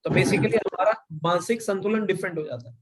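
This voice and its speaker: A man with a high-pitched voice leads an online sales training over a video call. He breaks points into numbered steps and keeps checking that his listeners follow. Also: brisk, very noisy. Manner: explains step by step, mixes English into Hindi, asks "right or wrong?". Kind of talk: live online training session.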